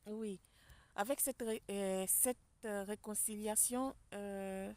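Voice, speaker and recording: A woman giving a spiritual tarot reading to her viewers, speaking softly and quietly in a public place. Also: mid-range voice, steady tone, slow, no echo. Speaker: tarot card reader. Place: public place outdoors with people nearby.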